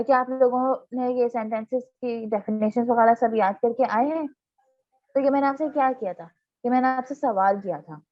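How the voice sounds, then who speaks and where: A woman teacher giving a grammar lesson, explaining step by step, checking in often and reading example sentences slowly. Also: a little high, highs cut off. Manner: reads English examples slowly and deliberately. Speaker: English teacher.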